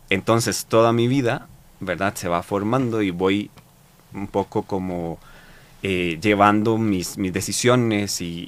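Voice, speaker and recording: A man with a Costa Rican accent answering interview questions in a reflective, halting way, with many fillers and repeated words. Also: low voice. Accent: Costa Rican Spanish. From Costa Rica. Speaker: interview guest.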